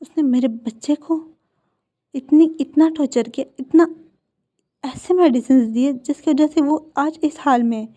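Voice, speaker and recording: A woman voicing a strict, scolding mother of grown sons, who talks loud and stern. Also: fairly high pitch, normal speed, lightly acted. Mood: angry.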